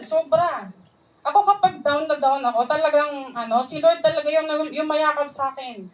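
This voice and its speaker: Woman preacher, high voice, earnest sermon, heard from a distance. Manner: earnest, mixing English phrases, asks the crowd for responses.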